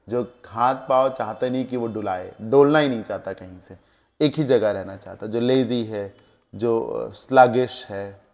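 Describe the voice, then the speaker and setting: A man's voice: medium pitch, a little mellow. A male teacher explaining English word meanings in a classroom lesson, checking in with the class as he goes. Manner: explains word meanings with Hindi glosses, asks checking questions.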